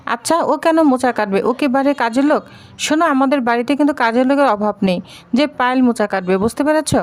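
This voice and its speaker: A woman's voice: high-pitched, fast, natural voice. A woman voicing a scornful, easily angered man in a family quarrel. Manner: scornful and irritated. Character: angry man, quarrelsome brother-in-law.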